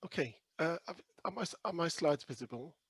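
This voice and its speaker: A man with a croaky, hoarse voice presenting a webinar over a video call in a humble, hesitant, explanatory way. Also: on the high side, expressive, moderate pace, dry recording. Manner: humble, hesitant, softly hedging. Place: video call with screen sharing.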